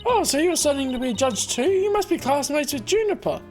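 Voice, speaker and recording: An excitable young heroine from a video game, voiced by a woman reading along, easily startled and full of exclamations. Her voice is high and swoops widely, with faint music behind. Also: a little fast. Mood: perky, indignant. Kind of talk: video game character read aloud.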